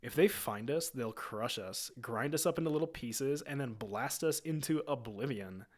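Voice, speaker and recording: Dude reading as a dry sarcastic young knight, lowish and flat. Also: male voice, normal speed, natural voice. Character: dry sardonic young male space knight. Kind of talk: amateur screenplay reading.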